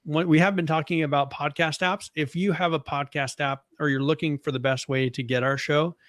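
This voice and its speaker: A man from the American Northwest co-hosting a podcast in casual chat, talking in a relaxed, rambling way with lots of fillers. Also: on the high side, a little fast, no echo, clean studio sound. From Boise, Idaho area of the US. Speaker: podcast co-host.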